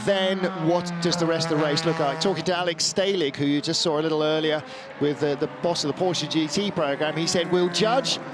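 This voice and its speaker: Male lead motorsport commentator, fairly high voice, live race calls over very loud car noise. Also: steady tone, fairly quick. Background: race cars.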